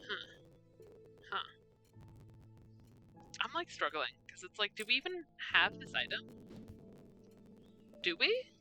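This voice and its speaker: A woman's voice: mid-range voice, big pitch swings, slow, pauses often, pushed and bright, faint music behind, low-quality recording. A woman streamer giving casual commentary while she plays a game, muttering to herself and breaking into exasperated cursing.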